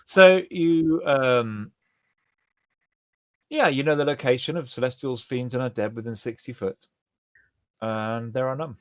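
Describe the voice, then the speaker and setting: A man running a tabletop game as dungeon master, wry and quick to laugh as he narrates. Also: mid-range voice, dry recording.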